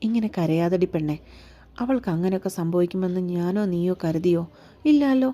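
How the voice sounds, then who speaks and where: A woman voicing a teasing, tender young husband in a read-aloud romance story, with a gentle coaxing tone. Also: on the low side, moderate pace, close to an everyday voice. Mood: soothing.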